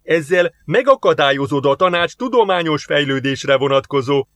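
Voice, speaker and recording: A man voicing a scheming male alien diplomat in an audiobook, formal and calm, quoting rules. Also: fairly high pitch, dry recording, voice pushed up. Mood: defensive.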